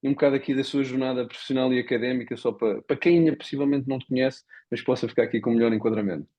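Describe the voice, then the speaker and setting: A male podcast host with a European Portuguese accent and a slightly rough, husky voice. He talks quickly and informally, putting questions in a casual interview style. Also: medium pitch, steady tone, mellow, dull audio. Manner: informal, conversational.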